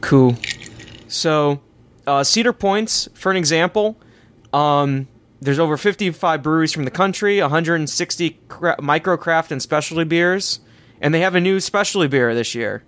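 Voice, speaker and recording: A man co-hosting a casual chat, upbeat and quick to laugh, with frequent fillers. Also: a little high, a bit bright, no room sound. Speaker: podcast co-host.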